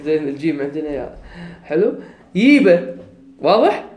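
This Kuwaiti-accented man teaches a grammar lesson in an echoing room, breaking things down one step at a time and frequently checking comprehension. His very high, darkish voice is highly animated, and there's a slight hiss or hum in the recording.

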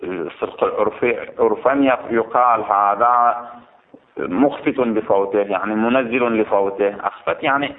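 A man's voice: lowish voice, moderate pace. A man teaching religious law to students. He explains a text, repeats his points and keeps checking whether they follow. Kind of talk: seminary lesson explaining a text. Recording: tinny phone-like recording.

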